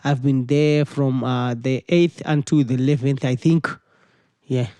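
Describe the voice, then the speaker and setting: A man, a musician answering interview questions in a halting way and repeating words as he searches for phrasing. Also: mid-range voice, steady tone, dark tone, smooth, no room sound. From Zimbabwe. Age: 20s. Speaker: musician guest.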